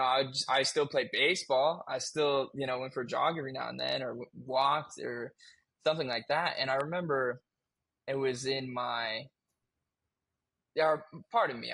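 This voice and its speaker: A man's voice: mid-range voice, gravelly, pushed and bright, no room sound. A man in his twenties, a podcast guest, telling a personal story in casual chat, candid and swearing freely as he restarts his sentences.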